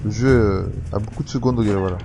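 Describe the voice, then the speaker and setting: A man's voice: on the low side, quick pace, vocal fry, music in the background. A man giving casual let's play commentary, chatty, laughing often and swearing freely. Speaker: gamer.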